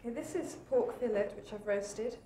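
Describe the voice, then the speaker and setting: A woman's voice: medium pitch, fairly even intonation, normal speed, dark tone, a little hiss or hum. Woman chef in a roomy restaurant. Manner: plain, matter-of-fact explaining. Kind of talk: casual interview chat.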